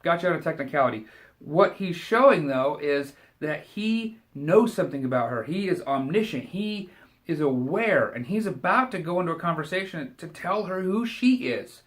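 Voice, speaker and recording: A man giving a short devotional Bible commentary, talking in a relaxed, conversational way and paraphrasing scripture in everyday speech. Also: fairly high pitch, normal speed. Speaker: Bible teacher.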